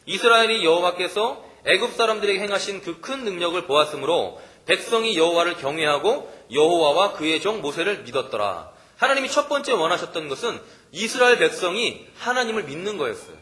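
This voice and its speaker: A man's voice: sits high, sing-song, brisk, few pauses, sharp tone. A male pastor preaching at a church service, asking the listeners questions and chuckling often. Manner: asks the listeners many questions. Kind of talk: sermon.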